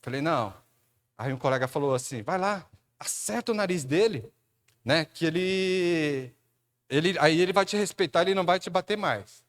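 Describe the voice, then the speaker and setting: A man with a Brazilian Portuguese accent telling a church testimony, animated storytelling with frequent tag questions. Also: moderate pace. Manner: animated storyteller, acts out quotes with rising pitch; addresses a listener by name and tags lines with "né". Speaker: church speaker giving testimony.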